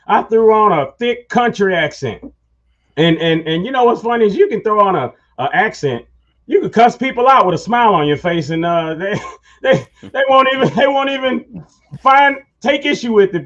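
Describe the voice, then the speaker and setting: With a high-pitched, animated, fairly bright voice, this man hosts a talk show at a moderate pace. He tells meandering stories in casual chat and calls his audience y'all, all heard through dull lo-fi sound.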